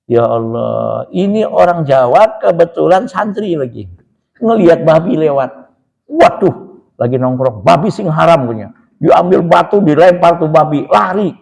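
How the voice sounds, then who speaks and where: A male preacher delivers a hadith lesson in a mosque coloured by speech. He tells joking anecdotes and keeps calling his listeners Pak. His voice sits high and has a gravelly edge. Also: moderate pace, poor audio. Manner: animated storytelling, addresses the men as Pak.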